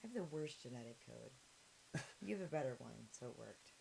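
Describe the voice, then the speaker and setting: A woman chatting casually, with a hoarse, smoky rasp in her voice. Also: a bass voice, animated, fairly quick, a little hiss or hum, poor audio. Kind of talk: casual chat. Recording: loud music over the voice. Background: loud music.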